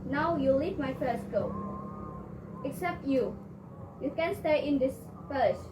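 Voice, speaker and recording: A woman's voice: high voice, a little slow. A girl playing a stern king, Indonesian accent. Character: stern middle-aged male king, angry father. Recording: echoey room, distant mic, noisy.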